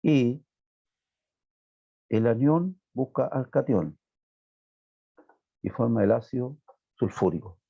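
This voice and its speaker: A man's voice: mid-range voice, expressive, slow pace, vocal fry, pauses often, husky. A man teaching a chemistry class online, explaining step by step and checking in with his students. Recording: tinny phone-like line.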